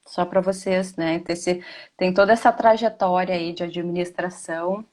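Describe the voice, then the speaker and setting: With a fairly low, slightly mellow voice, a woman speaks steadily at a normal speed. An administration teacher with a Rio Grande do Sul Portuguese accent, she's having a casual live class chat over video, frequently restarting with hesitation.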